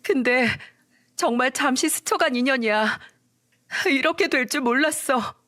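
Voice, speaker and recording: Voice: high voice, a little slow, sharp tone, voice pushed up. A storyteller voicing a panicked young wife who begs and makes excuses after being caught. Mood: pleading. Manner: pleading, flustered.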